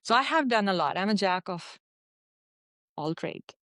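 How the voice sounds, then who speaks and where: A woman from Pakistan, telling stories as an interview guest in a chatty, animated way with many fillers. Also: medium pitch, a little slow, dry recording, clean studio sound. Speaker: interview guest, physician and mountaineer. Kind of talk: casual interview storytelling.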